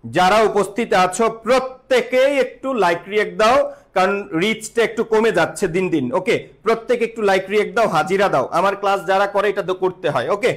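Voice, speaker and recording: A man with a high, fast voice teaches grammar in a live online class. He repeats the rules and quizzes students with call-and-response questions, slipping English words into his speech.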